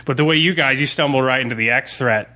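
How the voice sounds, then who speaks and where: A man with a fast, mid-range voice that sounds pushed and bright talks casually as a game master. He's looking back on a campaign during a tabletop gaming post-mortem podcast.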